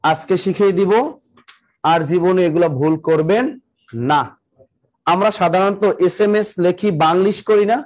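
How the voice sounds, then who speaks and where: An exam-prep teacher with a high voice and steady tone dictates class notes, slowly repeating definitions for students to copy while urging them to hurry. He addresses viewers directly, greeting them by name and district.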